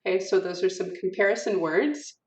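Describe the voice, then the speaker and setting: A woman's voice: medium pitch, fairly quick, darkish tone. A woman teacher giving a recorded lecture in an informal, filler-heavy way, reading example sentences aloud to show word stress. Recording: roomy, distant, dull audio.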